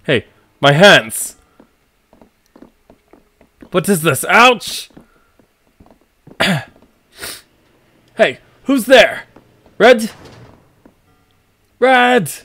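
Guy doing a greedy thief from a video game, excitable and pleading, high voice, dry sound. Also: extremely slow, long pauses, dry recording, exaggerated voice. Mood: alarmed. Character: greedy, reckless male thief who panics when trapped.

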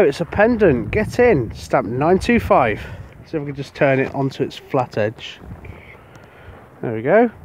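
A British man, a metal detectorist, giving casual commentary to the camera outdoors on a beach as he digs up each find and gets excited about it. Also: a little high, slight background noise.

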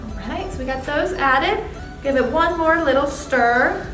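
A young woman with a high, light voice walks through a cooking demo step by step, upbeat and practical. She sounds a little distant from the mic in a roomy space. Background music plays clearly under her. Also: expressive, measured pace, a bit bright. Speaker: cooking demonstrator. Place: demo kitchen set, indoors.

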